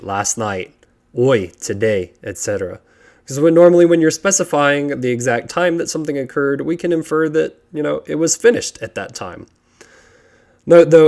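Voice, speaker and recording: A man's voice: mid-range voice, darkish tone. Methodical man teaching verb endings. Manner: methodical, chants conjugation patterns. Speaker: language teacher. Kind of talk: tutorial narration over slides.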